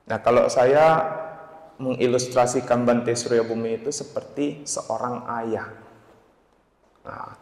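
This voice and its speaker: A man giving a Buddhist dharma talk in a meditation centre hall, in a chatty, anecdotal way, acting out the voices of the people in his story. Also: medium pitch. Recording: echoey hall with long reverb.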